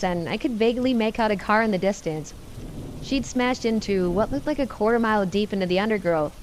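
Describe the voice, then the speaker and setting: A woman's voice: medium pitch, a little mellow, a little hiss or hum. Woman narrating a horror story over rain. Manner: tense first-person storytelling.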